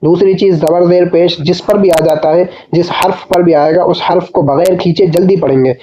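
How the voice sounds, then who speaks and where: A man teaching reading in a recorded online lesson. He patiently spells syllables out slowly and calls his listeners brother. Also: high-pitched, fairly even intonation, dark tone.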